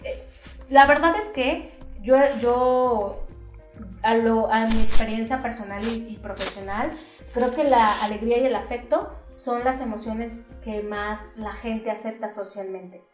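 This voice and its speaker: A lively Mexican woman therapist talks through ideas with plenty of fillers, slipping into little acted-out voices. She sits a bit back from the mic, so her voice bounces around a roomy space. Her voice sits on the high side, with faint music underneath. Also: measured pace, recorded from a distance. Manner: animated, acts out quoted voices, many fillers. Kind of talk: conversational explaining.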